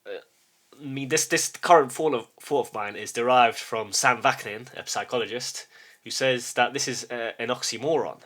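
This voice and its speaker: A man hosting his own channel, thinking aloud in a reflective monologue, halting with frequent restarts and a soft "yes?" to check in with the listener. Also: mid-range voice. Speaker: channel host.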